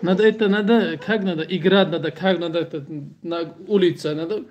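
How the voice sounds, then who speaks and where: High-voiced Tajik man, joking livestream chat. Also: steady tone, brisk, dull audio, a little hiss or hum. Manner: joking, speaks broken Russian in short repetitive bursts. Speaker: livestream host. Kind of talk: casual livestream chat with viewers.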